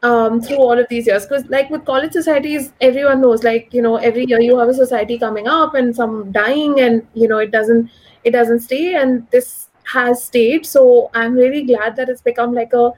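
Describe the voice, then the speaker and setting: Around thirty, this economist appears as an interview guest, speaking in a posh, educated urban Delhi Indian English accent. Her voice is slightly high and a little mellow, with fairly even intonation at a normal pace, though the recording quality is low. She answers in an articulate, opinionated, conversational way, often using "like" and "you know."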